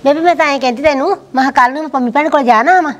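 A woman's voice: sits high, racing, lightly acted. A woman with a Malwai Punjabi accent, playing an anxious village wife whose husband is held across the border. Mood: earnest. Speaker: actor in a village short drama. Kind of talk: amateur village drama acting.

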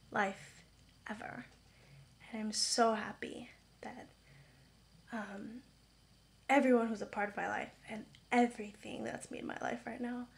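A woman's voice: fairly high pitch, vocal fry. A young woman talking casually to her camera, earnest and chatty, with many fillers. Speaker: vlogger. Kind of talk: casual vlog talk.

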